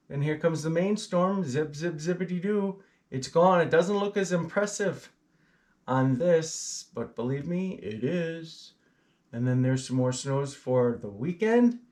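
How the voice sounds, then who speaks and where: A man's voice: a little high, lively intonation, a little slow, darkish tone. A man casually walking through a weather forecast, chatty and playful, tossing out goofy exclamations and fumbling aloud with his maps.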